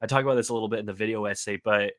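A man's voice: fairly low pitch, steady tone, racing, a bit bright, no echo, studio quality. A man talking as a podcast guest in casual chat, eager and talkative, often restarting his sentences. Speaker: podcast guest, film reviewer.

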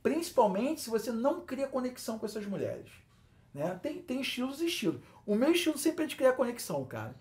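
Fast-talking Brazilian man. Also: very high voice. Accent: Brazilian Portuguese. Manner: animated, acts out quoted lines. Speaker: guest. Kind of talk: casual podcast chat.

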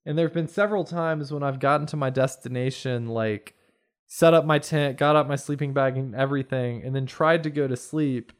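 A young man chatting casually on a podcast, telling stories in a rambling, animated way. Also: medium pitch, a little fast, smooth. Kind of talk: casual chat.

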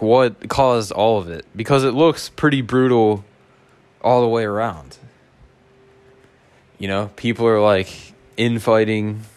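A man with a raspy, hoarse smoker's voice chatting casually as a solo podcast host, laid-back, slangy and sweary. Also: fairly low pitch. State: hoarse after a night out.

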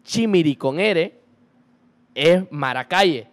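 A young Honduran man chatting as a podcast guest, animated and slangy, swearing casually. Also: on the high side, takes it slowly, very noisy. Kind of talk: casual chat.

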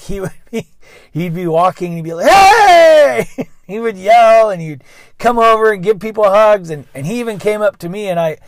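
A man's voice: high-pitched, no room sound, studio quality. A man, a school bus driver, telling a story in a casual, rambling monologue full of restarts and self-corrections.

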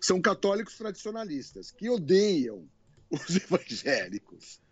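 A man with a Brazilian Portuguese accent, a guest telling stories in a colloquial, animated way and swearing now and then. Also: high voice, unhurried, husky, muffled recording. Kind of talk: casual podcast conversation.

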